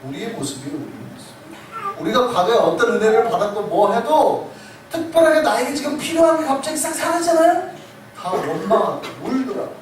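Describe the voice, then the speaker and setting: Animated male pastor preaching in echoey church. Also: very high voice, a little fast. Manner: animated storytelling, acts out quoted voices. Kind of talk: sermon. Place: church sanctuary. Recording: echoey sanctuary, distant mic, noisy.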